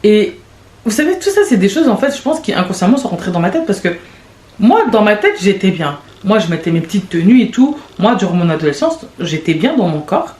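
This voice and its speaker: A woman's voice: mid-range voice, sing-song, a little mellow. Chatty woman in an echoey room. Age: late 20s. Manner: chatty, rambling, quick restarts and laughs. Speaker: podcast host. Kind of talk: casual confessional monologue. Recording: echoey room with faint background noise.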